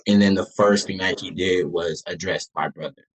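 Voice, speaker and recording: A young man speaks in a low voice, sharing a personal account in casual group talk. His R's are mispronounced, sounding like W's. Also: fairly even intonation, moderate pace, rough recording. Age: young adult. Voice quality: can't pronounce R, says w for r.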